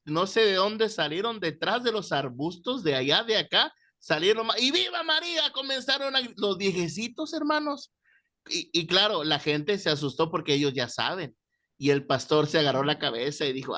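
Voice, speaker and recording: A man lecturing a Bible class. His voice sits slightly high. He tells stories in an animated way and throws himself into the quoted voices. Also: moderate pace. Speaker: Bible teacher.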